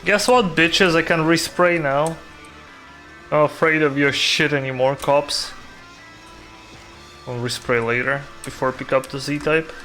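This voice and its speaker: A man's voice: on the high side, fairly even intonation, measured pace, long pauses, sharp tone, faint music behind. A man from Russia with a Russian accent, a streamer giving casual, swearing gameplay commentary. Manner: swearing offhand remarks.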